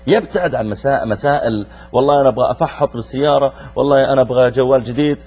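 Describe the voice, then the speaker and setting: A middle-aged man from Saudi Arabia, a preacher running a youth show, delivers a lively, rapid-fire talk in a husky, slightly mellow mid-range voice. He engages the young listeners directly and asks them questions, though the recording is muffled.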